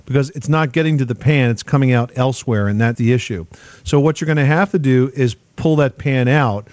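A man's voice: medium pitch, a little mellow, dry recording. A man hosting a home improvement call-in show, explaining things step by step in a conversational, folksy way. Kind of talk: conversational radio advice.

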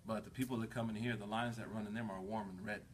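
A man voicing a wise, patient sheikh who gently scolds a young scholar in a teacherly way. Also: lowish voice, fairly even intonation, fast, slight background noise, close to an everyday voice. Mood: admonishing. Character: wise, patient older male sheikh mentor.

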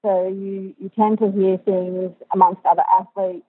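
A woman's voice: mid-range voice, flat delivery, unhurried, husky. Woman on a poor, tinny phone line. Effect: poor quality, phone-like audio. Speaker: interview guest, dressage coach and physiotherapist. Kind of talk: casual interview answers.

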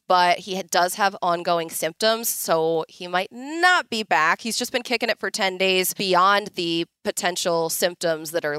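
A chatty woman with a light Philly accent co-hosts a football podcast in a relaxed, joking way. Her voice sits a little low and sounds smooth and clear. It is recorded close and dry. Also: dry recording. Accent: Philadelphia. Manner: chatty, laughs often, quick asides. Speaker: podcast co-host. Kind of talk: casual sports chat.

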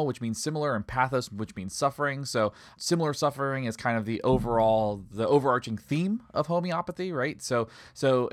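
A man co-hosting a podcast in a relaxed, agreeable chat, often hedging with fillers. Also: medium pitch, dry recording, studio quality. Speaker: podcast co-host.

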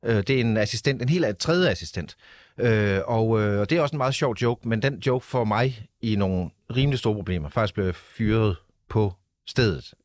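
A man's voice: on the low side, no room sound. A man telling a rambling story in casual chat, stumbling over his words with lots of fillers. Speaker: radio host telling a story.

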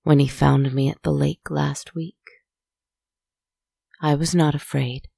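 A woman softly narrating a guided relaxation story in a hushed, soothing, spa-like manner, with deliberate, poetic phrasing. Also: low-pitched, fairly even intonation, vocal fry, husky, dry recording.

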